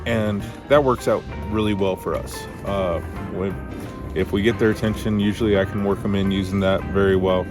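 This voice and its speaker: A low-pitched man explains a technique in a casual how-to style. He speaks haltingly, thinking aloud as he instructs. Music plays clearly behind his voice. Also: steady tone. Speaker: duck calling instructor.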